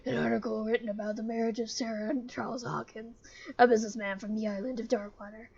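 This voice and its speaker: A woman's voice: on the high side, flat delivery, fast talker, gravelly, a little mellow, muffled recording. A woman streamer giving casual gameplay commentary, chatty and joking, reading game text aloud.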